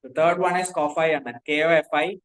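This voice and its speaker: Indian English male tutor, slightly high voice, dictates and spells each word for students to copy. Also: fairly quick, a bit bright, rough recording. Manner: spells words out letter by letter, repeats himself. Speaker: teacher. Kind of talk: classroom lecture dictating notes.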